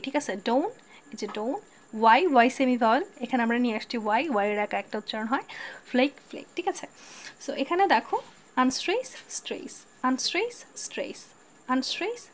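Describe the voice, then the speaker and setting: A woman with a Bangladeshi accent and a high voice teaches exam prep. She is patient, reads English lines slowly, and keeps checking that her students follow. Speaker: English literature tutor. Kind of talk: online exam-prep lesson.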